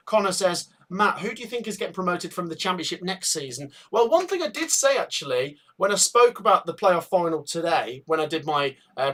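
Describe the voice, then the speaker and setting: A man, hosting a casual football watch-along stream, chatting and reading viewer comments aloud. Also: sits high. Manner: chatty, reads viewer comments aloud, thanks donors warmly. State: out of breath. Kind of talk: casual live-stream chat.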